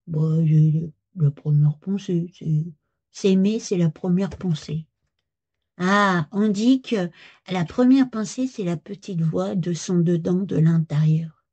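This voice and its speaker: A woman's voice: fairly low pitch, dark tone, slightly rough, exaggerated voice. A woman playing a giggly, childlike female clown who rambles playfully in a slightly dull recording.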